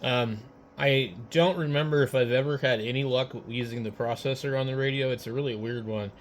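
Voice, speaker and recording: A man on a ham radio setup speaks casually with occasional hesitation, his mid-range voice running slightly quick. The recording has constant background noise from the amateur rig, and he switches hand mics along the way.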